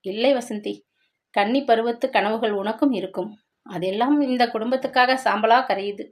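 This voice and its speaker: A pleading, heartfelt bedridden stepmother, put on by a woman narrator. She speaks in a fairly high voice, as a tearful figure in a spoken family drama. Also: normal speed, natural voice. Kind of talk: dramatic storytelling.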